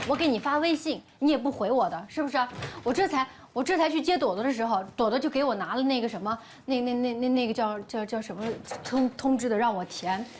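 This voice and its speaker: An actress playing a middle-aged wife and mother, explaining herself in a rapid, flustered way. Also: a little high.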